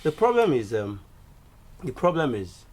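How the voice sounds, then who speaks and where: A man's voice: mid-range voice, very animated, a little slow, a little mellow. A man in a casual football discussion who stammers and repeats words before his point. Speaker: football pundit. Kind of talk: casual sports chat.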